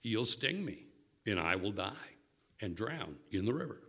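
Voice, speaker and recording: Man telling a fable as a wary turtle, gravelly, low voice. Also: big pitch swings, measured pace, pushed and bright, full character voice.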